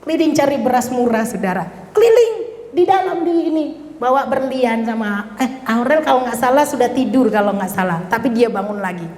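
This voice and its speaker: A woman's voice: a little high, expressive, brisk, hardly any pauses, a little mellow. A middle-aged woman, a pastor's wife, gives an emotional testimony sermon, often calling the congregation "saudara". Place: church hall. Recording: echoey church hall.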